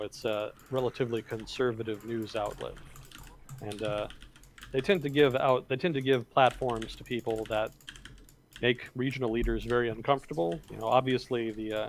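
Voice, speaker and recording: A man co-hosting a casual livestream, explaining world affairs in a measured way with fillers and self-corrections. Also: mid-range voice, slight background noise. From United States.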